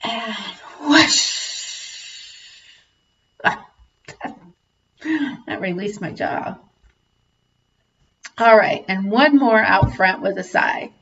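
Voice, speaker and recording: Slow-talking woman leading a tapping session. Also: mid-range voice, gravelly, highs cut off. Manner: chatty, laughs often, slow and reflective. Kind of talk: guided tapping session with personal chat.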